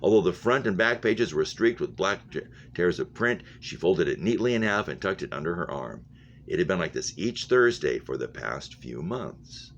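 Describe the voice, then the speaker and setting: This man's voice sits low and swings widely in pitch as he reads a novel aloud at a moderate pace. He's an English teacher, and now and then he stumbles on words and goes back over phrases, all captured in muffled lo-fi audio with a hum.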